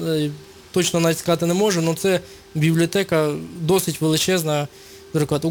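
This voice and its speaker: A man's voice: on the high side, slight background noise. A man speaking as a guest on a radio show, explaining at length with frequent hesitations and fillers. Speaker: studio guest. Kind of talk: radio interview.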